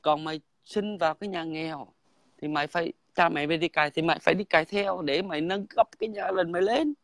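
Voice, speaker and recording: A man's voice: a little high, fast, fairly bright tone, no echo. Blunt man, dry sound. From Vietnam. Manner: blunt, crude, repeats "right?". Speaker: guest in online livestream chat. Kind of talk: heated casual talk.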